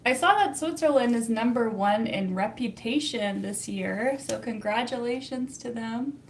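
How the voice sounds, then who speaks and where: A young Canadian woman with a Canadian accent hosts a casual livestream, reading and answering viewer chat while laughing often. Her voice is on the high side and a little slow, and there's a faint hiss or hum.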